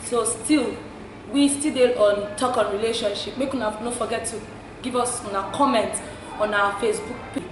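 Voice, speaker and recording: Female talk show host, Nigerian accent, recorded off-mic with clear background noise. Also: fairly high pitch, normal speed. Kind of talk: programme presenting in Pidgin. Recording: very echoey, distant, noisy room.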